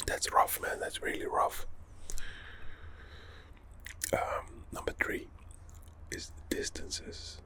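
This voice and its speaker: A man's voice: drawn-out words, long pauses. A young man from Europe, whispering a casual, chatty ASMR talk as the host of his channel.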